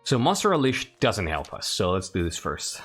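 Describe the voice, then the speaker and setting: Over soft background music, a game-playing host with a deep, husky, slightly bright voice swings hugely in pitch at a moderate pace. He chats casually, reads game text out, and repeats his phrases a lot.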